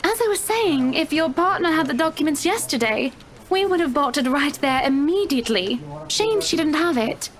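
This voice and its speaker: Voicing a rich, pushy female homebuyer for a visual novel, a woman speaks at normal speed in a high-pitched, expressive voice. The character is gushing and imperious, effusive and condescendingly polite, with endearments for everyone she addresses.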